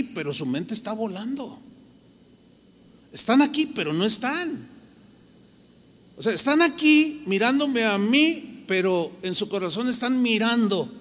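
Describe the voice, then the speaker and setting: A man's voice: sits high, a bit bright, in a large hall. A man with a Mexican accent, preaching a sermon to a church congregation in a conversational way. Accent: Mexican Spanish. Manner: conversational preaching, acts out listeners' voices. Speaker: pastor. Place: large church hall.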